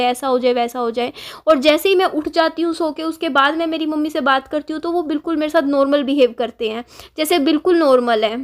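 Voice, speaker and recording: A young woman vlogger telling a painful family story in a halting, upset way, with many restarts. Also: high voice. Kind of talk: casual confessional vlog.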